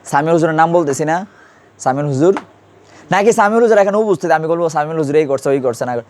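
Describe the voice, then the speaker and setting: Questioning male teacher, higher voice. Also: expressive, fast, darkish tone, a little hiss or hum. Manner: questioning students, repeating terms. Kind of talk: classroom grammar lesson.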